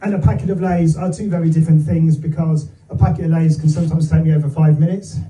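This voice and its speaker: High, mellow-voiced Englishman doing stand-up to an audience. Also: fairly even intonation, fast. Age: middle-aged. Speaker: stand-up comedian. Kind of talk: stand-up comedy in front of an audience. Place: live comedy gig before an audience. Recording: echoey room, recorded from far off.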